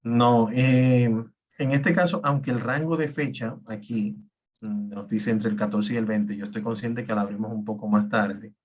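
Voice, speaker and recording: A man's voice: fairly low pitch, steady tone, moderate pace, recorded from a distance, dull audio. A male teacher giving an online class, explaining patiently step by step. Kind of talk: online class lecture on spreadsheets.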